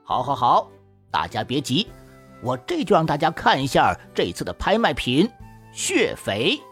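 A man voicing a showy male auctioneer in an audiobook, hyping the crowd in a drawn-out way. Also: a little high, huge pitch swings, faint music behind, voice pushed up. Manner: drawn-out, showman's hype. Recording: echoey hall effect over the loudspeaker.

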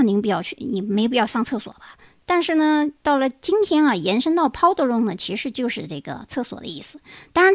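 A woman's voice: high-pitched, dry recording, clean studio sound. A woman whose first language is Chinese, giving a chatty, anecdotal lecture as a teacher. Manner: chatty, anecdotal, with rising exclamations. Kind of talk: casual lecture on living in America.

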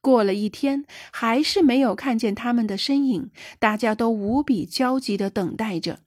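Woman narrating a novel, fairly high voice. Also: normal speed, a little mellow, no echo, clean studio sound. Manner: raises pitch and volume for quoted dialogue. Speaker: audiobook narrator. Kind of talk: scripted narration.

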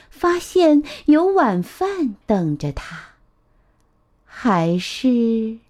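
A woman storyteller reading a picture book aloud to children, gentle and expressive. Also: on the high side. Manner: gentle, expressive, drawn-out phrasing.

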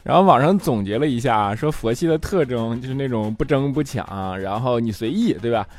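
With faint music behind him, this male comedian host runs through a stand-up monologue in an animated, fairly quick, slightly mellow mid-range voice. He spins chatty stories and keeps checking in with the crowd by asking "right?"

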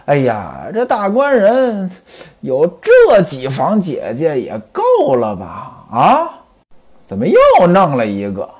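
A man voicing a fussy, clucking old woman aged over sixty, disapproving and slow, in a storyteller's tale. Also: on the high side, huge pitch swings, darkish tone, breathy edge, voice pushed down, heavily acted.

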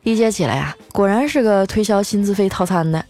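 A woman's voice: mid-range voice, a little fast, mellow. A woman hosting a comic storytelling show, chatty and playful, drawing out the ends of her sentences. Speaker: radio-style comedy host. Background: faint background music.

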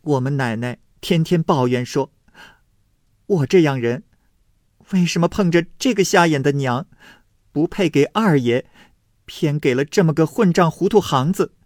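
Male reader voicing a high, sharp young maid, indignant and quick; dry recording. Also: animated, no echo. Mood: confessing. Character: sharp-tongued young maid, defiant and cornered.

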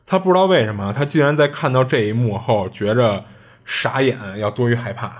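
Podcast host, male, husky voice, rapid conversational storytelling. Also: mid-range voice. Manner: chatty, animated retelling with frequent fillers. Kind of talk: casual storytelling.

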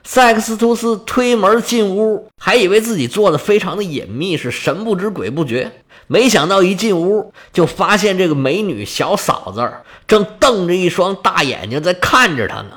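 Dramatic male storyteller, lively voice. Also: high-pitched, normal speed. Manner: dramatic, colloquial. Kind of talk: pingshu-style history storytelling.

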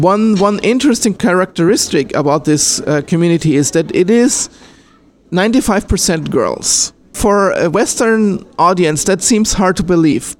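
Austria-born man, slightly higher voice, thoughtful interviewee who hesitates a lot. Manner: hesitant, many ums and restarts. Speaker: interviewee, fan filmmaker. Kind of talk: casual interview answers.

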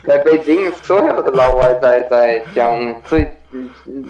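A man's voice: medium pitch, animated, a little slow, crowd noise. A man who is a foreigner speaking Mandarin with a foreign accent in a conversational interview, searching for words and mixing in English terms. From abroad, not China. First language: not Mandarin. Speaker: triathlete, podcast guest. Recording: roomy echo, dull lo-fi sound.

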